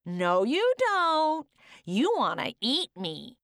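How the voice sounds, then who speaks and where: A woman's voice: sits high, wildly swooping pitch, slow pace, fairly bright tone, clean tone, dry recording, clean studio sound, pitched above the performer's own voice, heavily acted. Woman doing a cheeky, boastful gingerbread man. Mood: defiant. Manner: singsong taunting chant.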